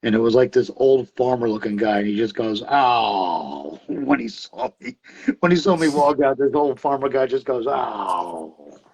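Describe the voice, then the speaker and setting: A man's voice: mid-range voice, steady tone, a little fast, mellow. A middle-aged man, telling stories as an interview guest in a loose, rambling way, laughing often and full of fillers. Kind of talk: casual storytelling interview. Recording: dull lo-fi sound.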